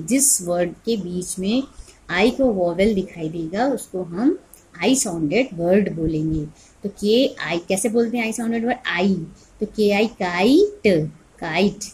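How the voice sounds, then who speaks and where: A woman's voice: medium pitch, a little mellow, slight background noise. A woman teacher giving an online phonics lesson to small children, spelling words out letter by letter and answering her own questions. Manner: spells words letter by letter, then says them slowly; asks questions and answers them herself.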